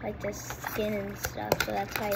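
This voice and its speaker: At a kitchen table by a window, a young girl vlogs casually into a phone propped on the table, chatting, rambling and often restarting sentences to her viewers. The female voice is medium in pitch, completely flat, a little slow and has vocal fry, and the recording is very noisy.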